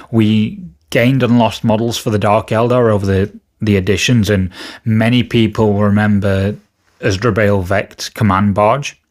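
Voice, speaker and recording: A man hosting a wargaming channel, chatting casually about rumours to camera, just woken up with a slightly rough voice, hedging and correcting himself with fillers. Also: fairly low pitch.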